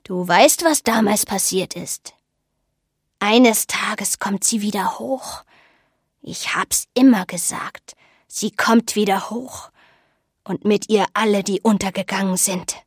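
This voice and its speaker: A woman voicing an eerie old village woman who speaks in a slow, breathy whisper of omens. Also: medium pitch, dry recording, studio quality. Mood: ominous. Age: over 60. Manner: slow, ominous, sniffing. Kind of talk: audiobook reading.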